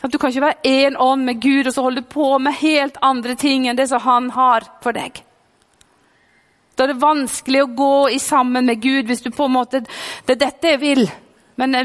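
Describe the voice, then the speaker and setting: A woman preaching a sermon with a mix in her speech, fervent, swinging between loud calls and hushed whispers. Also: sits high. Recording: long hall reverb.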